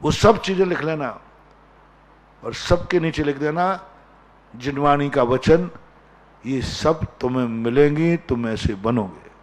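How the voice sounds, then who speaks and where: A Jain monk preaching with a fairly high voice. He fires rising, emphatic questions at his listeners and hammers points home by repeating single words over and over. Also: slow pace, pauses often. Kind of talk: sermon.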